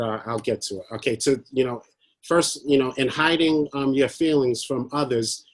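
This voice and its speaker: A man's voice: medium pitch, no room sound. A man from Haiti giving a prepared talk on a video call, hesitant and a little nervous, with many fillers. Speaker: guest speaker.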